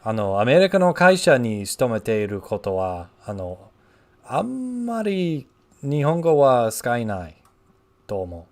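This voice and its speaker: Very animated at a moderate pace, a thirty-something gaming streamer with a medium-pitched, slightly mellow voice chats casually while playing a video game on stream, straying into rambling asides as part of his let's play.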